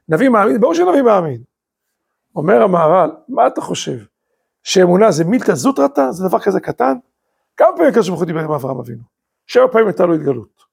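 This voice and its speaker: A man's voice: sits high, creaky, slightly rough. A man, a rabbi, teaching a Torah class, full of rhetorical questions and emphatic rising bursts. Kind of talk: lively Torah lecture.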